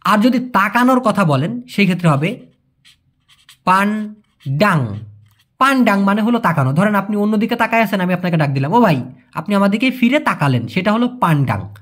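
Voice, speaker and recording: Man, language teacher, patient, repeats words slowly, animated pitch. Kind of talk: explaining vocabulary to viewers.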